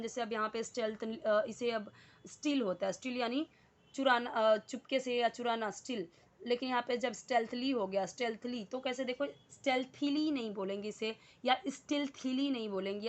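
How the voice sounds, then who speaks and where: A woman teaching English in Hindi, explaining sentences step by step and repeating key words with frequent fillers. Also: mid-range voice. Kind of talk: casual Hindi English lesson.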